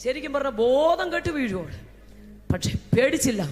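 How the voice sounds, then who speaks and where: A woman preacher from Kerala giving a fervent Pentecostal sermon. She swings between shouting and hushed talk and breaks into speaking in tongues. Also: sits high, very animated, normal speed. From Kerala, India. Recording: echoey hall with faint music.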